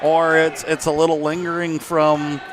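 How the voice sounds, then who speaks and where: A man with a slightly high voice offers relaxed, folksy color commentary on a basketball game. He mixes his analysis with fillers and quick score updates from other games. Faint gym noise sits behind his voice.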